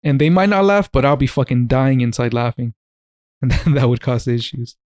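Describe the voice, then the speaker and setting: A man's voice: mid-range voice, lively intonation, normal speed, darkish tone, no echo, clean studio sound. A man co-hosting a podcast in casual chat, joking, laughing often and swearing freely. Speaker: podcast co-host.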